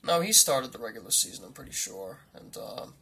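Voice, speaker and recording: A man playing a blunt football coach at a mock press conference, rambling and repeating himself in halting answers. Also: medium pitch, expressive, vocal fry, a crowd in the background.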